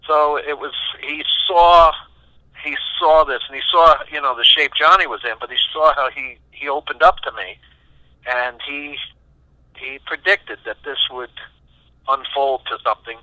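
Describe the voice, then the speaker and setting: A man answers interview questions as an animated storyteller, stopping and restarting as he goes. His voice is bright and forceful with a pointed edge. The recording is dry and close, with no room around it. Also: on the high side, measured pace, no room sound, rough recording. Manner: animated, acts out quoted voices, many restarts. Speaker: session guitarist, interview guest.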